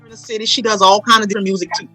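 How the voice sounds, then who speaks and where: This New Orleans playwright and stage actor, a woman in her 40s, talks rapid-fire at a medium pitch with little variation and a sharp edge. As a guest in a relaxed promotional interview, she tells her stories with emphasis and repetition. The audio is poor and dry, with soft background music.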